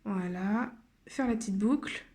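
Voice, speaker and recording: A woman teacher guiding young children through cursive handwriting step by step, slowly and patiently, with frequent hesitations. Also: medium pitch, dark tone. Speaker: primary school teacher.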